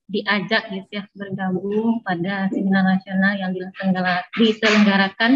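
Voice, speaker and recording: A woman's voice comes muffled through a face mask over a dull, lo-fi video call. She has an Indonesian accent and a mid-range pitch. She presents like a seminar lecturer, semi-formal but conversational, checking in with her listeners. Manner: conversational, frequently checking with listeners using tag phrases. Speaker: guest lecturer at an online seminar. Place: room on a university campus, on a video call.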